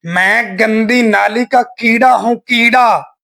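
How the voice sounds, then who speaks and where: A man's voice: extremely high pitch, slow, vocal fry, bright, forceful tone, slight background noise, full character voice. A man voicing a cheeky, squabbling young boy in a family cartoon, who sounds whiny.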